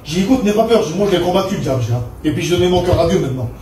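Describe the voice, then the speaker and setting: Fervent high-voiced man testifying in an echoey hall. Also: animated, very fast, dark tone, a little hiss or hum. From Perpignan, southern France. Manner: fervent, storytelling with repeated "je dis". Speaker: preacher giving testimony. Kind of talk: church testimony. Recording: echoey room picked up from a distance.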